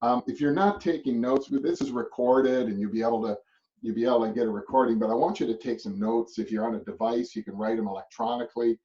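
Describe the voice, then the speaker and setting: A middle-aged man from Canada coaches real estate agents in a loose, rambling way and keeps tagging "right?" onto his points. His voice is dark and mellow. He sits back from a dull-sounding mic. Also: mid-range voice, fast. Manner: rambling, repeats "right?", chuckles often. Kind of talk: motivational presentation. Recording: distant muffled mic.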